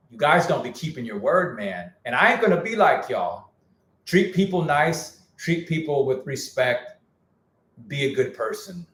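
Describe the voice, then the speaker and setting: In an echoey room, a man who makes music talks loosely on his live stream, his mid-range voice slangy and frank. He repeats himself and admits his voice is going.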